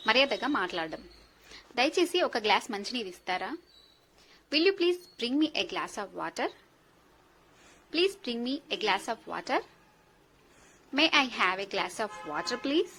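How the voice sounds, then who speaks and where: A woman teaching polite English phrases, reading each one slowly and then giving the translation quickly. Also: on the high side, very animated, bright, forceful tone, slight background noise, low-quality recording. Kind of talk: slow phrase-by-phrase language lesson.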